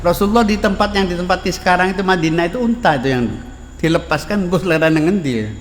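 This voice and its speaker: Preacher guy telling a story, fairly high voice, repeats himself, echoey hall with faint noise. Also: fast talker. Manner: storytelling, repeats phrases, quotes Arabic. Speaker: Islamic preacher. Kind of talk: sermon on a classical text.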